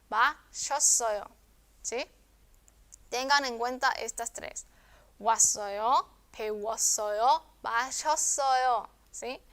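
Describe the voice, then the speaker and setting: A woman teaching a recorded video lesson, patient, often checking in with the viewer and repeating words slowly. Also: a little high, a bit bright, clean tone. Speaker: language teacher.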